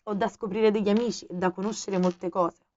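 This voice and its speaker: Una donna che dà voce a un ragazzino principe, curioso e gentile, che fa domande con tono educato, in un audiolibro. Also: female voice, mid-range voice, fairly even intonation, fairly quick, muffled recording, voice pushed up, natural voice. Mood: curious. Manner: inquisitive, gently polite. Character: curious polite young boy prince.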